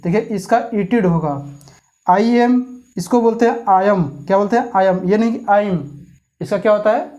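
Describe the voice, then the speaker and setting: A teacher gives a spoken grammar lesson. They read forms slowly one by one, then explain more quickly and keep quizzing the listener with repeated questions. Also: mid-range voice, mellow. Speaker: English teacher.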